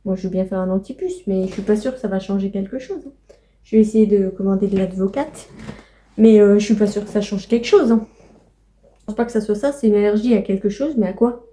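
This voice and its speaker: A woman's voice: mid-range voice, a little fast, dark tone. A young woman chatting casually in a home vlog, rambling with many fillers and cooing to her pets. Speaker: vlogger.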